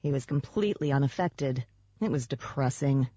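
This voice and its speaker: A woman's voice: very deep voice, animated, moderate pace, warm tone, no echo. Wry, sardonic woman narrator, first-person audiobook, dry and dull-sounding mic.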